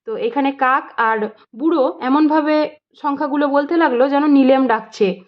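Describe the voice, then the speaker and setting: High-voiced woman tutor, lo-fi sound. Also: normal speed. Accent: Bengali. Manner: reads story lines aloud, then explains them plainly. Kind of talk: reading and explaining a story to students. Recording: dull lo-fi sound.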